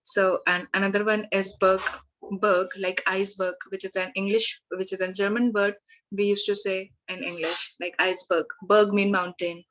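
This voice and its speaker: A young woman tutor giving a live beginner language lesson, talking in a halting way with many restarts and fillers. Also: mid-range voice, little pitch movement, fairly bright tone, poor audio.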